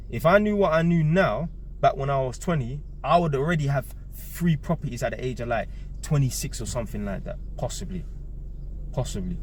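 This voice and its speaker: A vlogger in his 30s speaks to camera in a medium-pitched, slightly mellow voice, with a bit of background noise. His monologue is blunt and emphatic, repeating key words and swearing freely.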